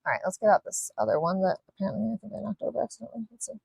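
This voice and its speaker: A woman's voice: medium pitch, expressive, very fast, creaky, a little mellow, husky, dry recording. A woman hosting a live nail art tutorial, chatting casually as she works, rambling, apologizing and swearing a little. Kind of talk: live-stream tutorial chat.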